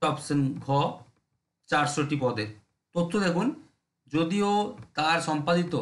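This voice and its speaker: A man running a rapid exam-prep lesson, reading questions and answers and checking in with listeners. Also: a little high, fairly bright tone, echoey room. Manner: brisk, drilling, repeats checks with listeners.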